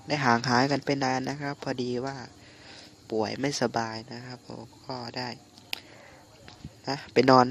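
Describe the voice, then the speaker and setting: A man doing casual gameplay commentary in a halting, muttering way, his voice phlegmy from recovering from flu. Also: mid-range voice, slight background noise. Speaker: gaming channel host.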